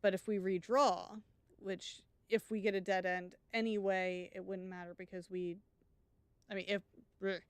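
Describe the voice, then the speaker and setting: Smooth-voiced woman thinking aloud while gaming. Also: medium pitch, little pitch movement, normal speed, dry recording. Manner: thinks aloud, chatty and wry. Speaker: let's play streamer. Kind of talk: live gameplay commentary.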